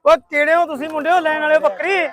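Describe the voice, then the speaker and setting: A man with a Punjabi accent working as a livestock broker, haggling loudly and casually with hearty, blunt, rough-tongued banter. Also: very high-pitched, level tone, quick pace. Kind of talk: loud casual market haggling. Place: livestock market.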